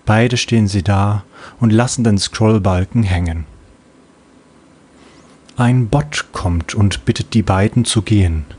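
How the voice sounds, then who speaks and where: A man's voice: lowish voice, a little slow, long pauses, darkish tone, husky. A man narrating a comic audiobook in a playful storytelling manner.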